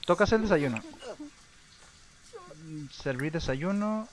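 A young man, casually commenting on his life-sim game in a rambling way, with sudden excited shouts. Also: high voice, a little slow, a crowd in the background. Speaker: gameplay streamer.

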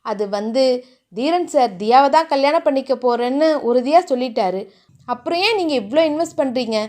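A woman playing a deferential young male assistant who talks quickly and placatingly. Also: high voice, animated, darkish tone.

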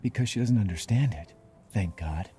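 A man's voice: fairly low pitch, animated, moderate pace, warm tone, slight background noise, close to an everyday voice. A man voicing a young father in a video game, cautious and protective, speaking in a plain everyday voice. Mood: worried. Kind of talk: scripted game dialogue.

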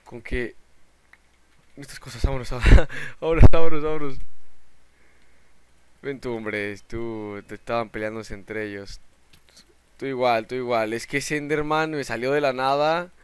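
Young male gamer, excitable let's play commentary, smooth voice, dry close sound. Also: medium pitch, unhurried, no echo. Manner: excitable, shouts in panic at sudden dangers. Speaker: gaming channel host.

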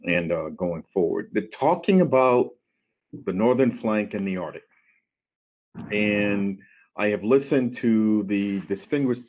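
A middle-aged military officer speaks over a video call from his office, formal but halting, with frequent fillers. His voice sits on the lower side. The audio is dull and lo-fi. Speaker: deputy commanding general. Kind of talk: panel remarks.

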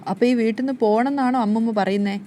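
Woman reading a frightened young husband, sulky, quick lines. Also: fairly high pitch, warm tone, slight background noise, close to an everyday voice. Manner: pleading, sulky.

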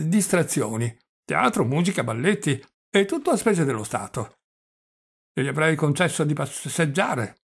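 A man's voice: a little high, vocal fry, a bit bright, slightly rough, exaggerated voice. A man reading the part of a forgetful, rambling old prince who stammers and drops French phrases, in an audiobook. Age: older.

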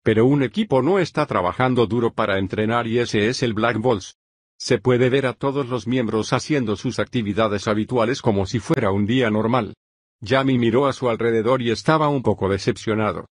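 A man narrating a fanfic in a synthetic voice, flatly reading even the punctuation aloud. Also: medium pitch, fairly quick, no echo, clean studio sound. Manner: reads punctuation aloud, flat.

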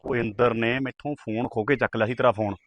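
A man's voice: medium pitch, fairly even intonation, brisk, dry recording, highs cut off, close to an everyday voice. A young man acting a timid, anxious boyfriend who talks in a worried, hesitant way. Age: young adult. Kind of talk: short film dialogue.

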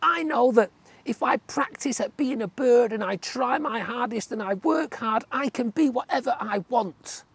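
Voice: normal speed, breathy edge, dry recording. A narrator doing an eager stubborn little tadpole. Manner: eager, insistent, high and excited. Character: stubborn young tadpole who dreams of flying.

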